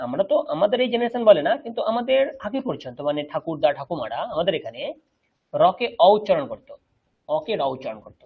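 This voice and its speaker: A man's voice: sits high, slightly rough. A man from West Bengal with a Bengali accent, teaching a Sanskrit class and patiently checking that his students follow. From West Bengal, India. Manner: patient, explanatory, checks understanding. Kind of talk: online class lecture. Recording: dull lo-fi audio.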